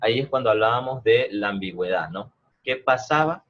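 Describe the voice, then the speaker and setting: A man's voice: on the low side, lively intonation, brisk. Guy teaching math on a video call, patient, keeps asking "¿no?", audio kinda dull. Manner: explains patiently, checks understanding with frequent "¿no?" and "¿verdad?". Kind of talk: online math class.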